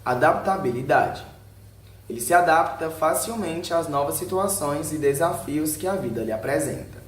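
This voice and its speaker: This video narrator, a Brazilian man, sounds animated as he reads scripted text in short headed sections at normal speed, his voice on the high side. Occasional stumbles break the flow, and the recording has faint background noise and a roomy echo.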